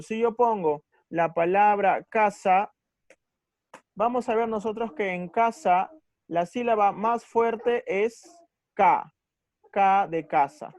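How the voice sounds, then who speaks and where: A man teaching a recorded grammar lesson, patient, slowly stressing syllables and checking in with his students after each point. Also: high voice, darkish tone, no room sound.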